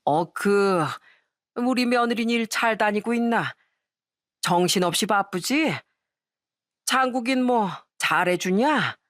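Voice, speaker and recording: A woman's voice: a little high, slow, long pauses, no room sound, clean studio sound. A woman playing a drunk, scolding old father-in-law. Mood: tipsy grumbling. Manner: slurred, rambling, scolding. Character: drunk, blunt older father-in-law, gruff. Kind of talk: storytelling radio voice acting.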